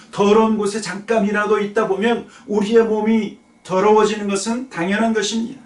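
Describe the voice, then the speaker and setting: Male pastor, higher voice, preaching and asking the congregation questions; roomy, distant church sound. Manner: slows down to read scripture, asks the congregation questions. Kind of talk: sermon. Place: church sanctuary. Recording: echoey church hall, mic at a distance.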